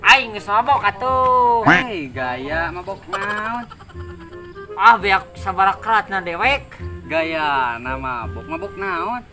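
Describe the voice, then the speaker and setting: A man with a West Javanese accent playing a tipsy, slow-drawling small-town drunk in a comedy sketch. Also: high voice, lively intonation, bright, forceful tone, faint music behind, full character voice.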